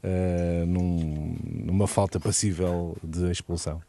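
A man's voice: deep voice, flat delivery, slow pace, gravelly, mellow, dry recording. A man with a European Portuguese accent moderating a football talk show with conversational questions.

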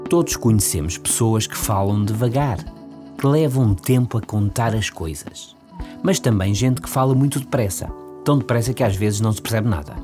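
A man with a European Portuguese accent, explaining ideas in a calm, measured way on a podcast. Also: on the low side, music in the background. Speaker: podcast author and guest commentator. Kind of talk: casual explanatory chat.

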